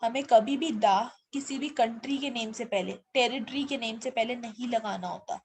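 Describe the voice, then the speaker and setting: A woman with an Indian accent teaching English grammar, slowly spelling out example words and switching between Hindi and English. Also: a little high, darkish tone, a little hiss or hum. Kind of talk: explanatory lesson mixing Hindi and English.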